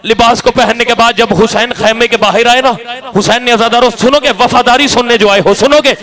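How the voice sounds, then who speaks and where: A zakir recites a majlis, delivering an impassioned mourning sermon in a wailing, declamatory voice as he tells the story and calls out to listeners. His pitch is extremely high, his tone steady and his pace brisk, with crowd noise from the live mourning gathering behind him.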